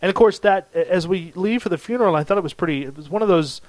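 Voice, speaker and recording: A man's voice: high voice, quick pace, no echo, poor audio. A middle-aged man, co-hosting a casual chat and telling a long rambling story with many restarts. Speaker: podcast co-host.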